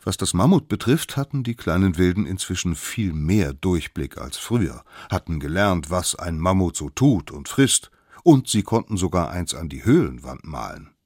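A man reading a children's storybook aloud with playful, lively narration. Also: low-pitched, moderate pace, dry recording, clean studio sound.

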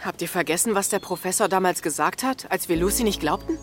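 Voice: medium pitch, expressive, fast talker, fairly bright tone, natural voice. An actor in a children's audio drama playing Peter, a decisive, reasoning eldest brother who explains things assertively. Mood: insistent.

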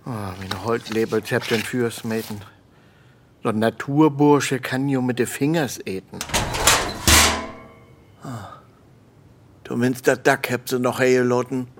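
An actor playing an old male drifter who calls himself a rascal, speaking in a Low German accent and muttering to himself in a radio play. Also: noisy background, natural voice. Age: older. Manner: muttering to himself, plain-spoken.

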